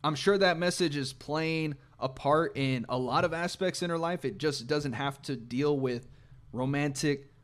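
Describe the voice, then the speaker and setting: A man's voice: on the high side, a little slow. A man hosting a music reaction, thinking aloud as he analyses the lyrics and meaning of each song, with occasional restarts. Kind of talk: reflective song breakdown.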